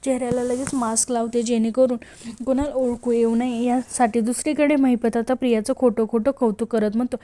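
A woman's voice: on the high side, level tone, brisk, mellow. A woman retelling a TV serial episode as a voice-over, quoting each character's lines in her own voice. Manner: storytelling, quotes each character's lines in the same voice. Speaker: narrator of a TV serial recap.

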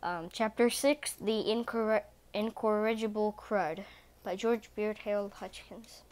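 A woman's voice: medium pitch, fairly even intonation, unhurried, a little mellow. A woman reading a children's storybook aloud in a plain narrating voice. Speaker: children's book reader.

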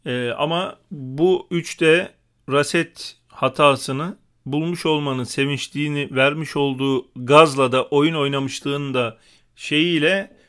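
Young male gamer, high smooth voice, rowdy joking play-by-play. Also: takes it slowly. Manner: excitable, joking, shouts exclamations while playing. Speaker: gaming YouTuber. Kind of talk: live gameplay commentary.

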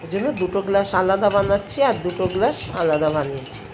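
Here a fast-talking woman with a mid-range voice, middle-aged or older, narrates a recipe for her viewers while making drinks at home. A cold has left her nose and throat stuffy and blocked, so she strains a little, yet she stays chatty and homely as she explains each step. The kitchen is noisy, with dishes clinking in the background.

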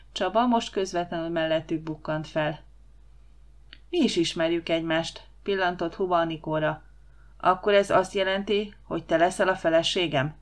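Audiobook narrator: middle-aged woman, lowish voice, lively voices for the dialogue. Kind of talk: scripted narration of a children's novel.

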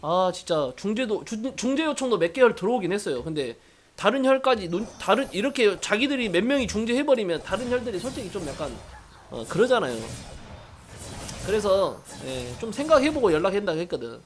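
A man's voice: high-pitched, big pitch swings, brisk, a little hiss or hum. A man streaming a mobile game, giving brash casual commentary, swearing and teasing his viewers.

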